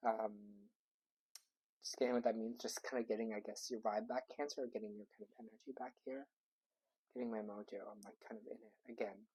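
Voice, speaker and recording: Husky-voiced man giving a tarot reading. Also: lowish voice, steady tone, fairly quick, dark tone, poor audio. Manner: loose, rambling, full of ums and likes. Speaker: tarot reader. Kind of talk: casual tarot reading to camera. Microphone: wearable mic.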